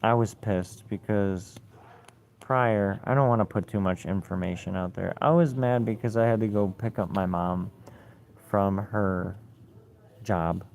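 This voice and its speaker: A man's voice: lowish voice, a little slow, gravelly, darkish tone. A young man telling a rambling, profane story in a casual way, full of fillers.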